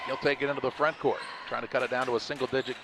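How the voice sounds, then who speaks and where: A man calling a high school basketball game in quick, clipped play-by-play. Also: little pitch movement. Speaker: play-by-play announcer. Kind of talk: live sports commentary. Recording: crowd noise and gym ambience behind.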